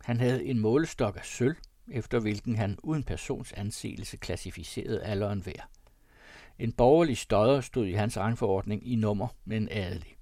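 A man narrating classic prose in a measured, expressive storytelling manner. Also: fairly low pitch, no echo, clean studio sound. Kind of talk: scripted reading of classic prose.

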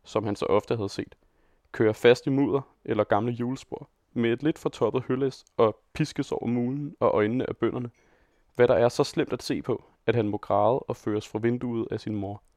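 A man presenting a scripted literary radio feature and reading a novel aloud in a measured, dryly ironic manner on a close studio mic. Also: medium pitch, darkish tone, no echo.

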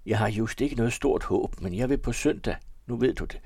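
A man's voice: mid-range voice, darkish tone, slightly rough, no room sound, studio quality, voice pushed up. A man voicing an earnest, reconciling young man who speaks firmly while reading a novel aloud.

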